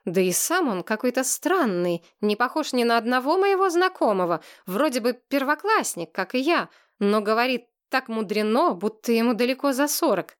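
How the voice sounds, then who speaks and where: A woman reads a children's story aloud in the first person with lively, expressive delivery. Her voice sits fairly high and moves with the scenes she tells. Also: moderate pace, few pauses. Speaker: audiobook narrator. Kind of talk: scripted first-person narration.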